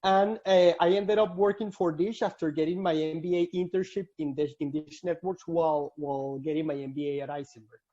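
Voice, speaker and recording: A man's voice: fairly high pitch, fairly even intonation, fairly quick, hardly any pauses, dark tone. A man in his thirties from Venezuela with a Venezuelan Spanish accent, giving an earnest slide talk over a video call with frequent restarts. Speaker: alumni speaker. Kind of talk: casual slide presentation. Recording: dull lo-fi call audio.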